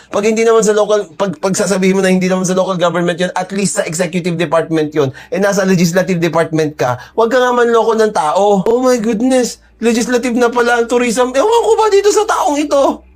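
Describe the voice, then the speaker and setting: A man giving casual political commentary in an exasperated, mocking way, jumping sharply up and down in pitch.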